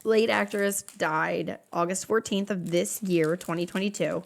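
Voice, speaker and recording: A woman with a somewhat low voice leads a casual podcast conversation. She works through her notes with plenty of "um" and "like," restarting sentences as she goes. Her tone stays chatty and informal. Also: a little slow, gravelly. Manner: talks through researched notes with many fillers and restarts. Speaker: podcast co-host leading the episode.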